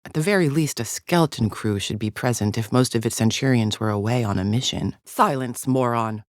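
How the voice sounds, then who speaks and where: A woman with a bass voice, speaking a little fast, performs scripted video game lines as a haughty, contemptuous female alien agent. She speaks formally with clipped, disdainful precision, cool and condescending, in a clean, echo-free studio recording.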